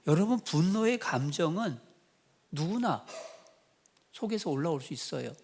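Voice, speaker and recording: Male pastor, fairly high voice, preaching; animated storyteller voicing the characters' lines. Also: moderate pace, a little hiss or hum. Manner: storytelling with acted quotes, rising to animated emphasis. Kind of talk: sermon.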